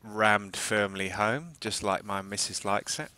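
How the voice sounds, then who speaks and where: A man's voice: lowish voice, fairly even intonation, a little slow, sharp tone, a little hiss or hum. A man bantering over a golf game, joking and teasing and laughing often. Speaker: gaming commentator. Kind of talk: casual gaming banter.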